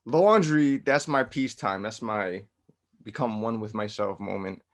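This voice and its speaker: A man co-hosting a podcast in casual chat, animated and joking, swinging between loud and soft and swearing freely. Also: on the low side, a little slow. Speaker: podcast co-host.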